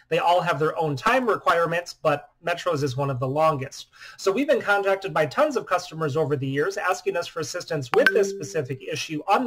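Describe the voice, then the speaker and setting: A man in his thirties, a phone shop owner, explaining a phone demo in a steady, matter-of-fact way from a small room indoors. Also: on the high side. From US Midwest. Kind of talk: product demo vlog.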